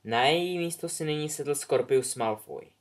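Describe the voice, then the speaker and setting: A man narrating a story in a calm, measured reading voice. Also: a little high. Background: soft music.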